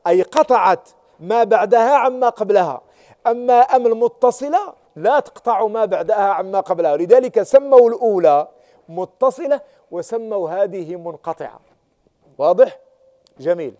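A man's voice: high-pitched, animated, normal speed, dark tone. A man teaching a class on Quranic exegesis, repeating key words and often checking that students follow. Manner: checks understanding with rhetorical questions, stresses and repeats key words.

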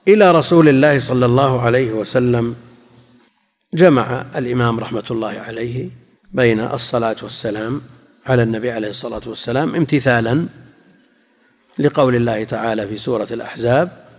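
A man giving a classical religious lesson, measured and explanatory, often repeating key phrases for his listeners. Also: mid-range voice. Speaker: Islamic scholar teaching hadith commentary. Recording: long reverb in a large hall.

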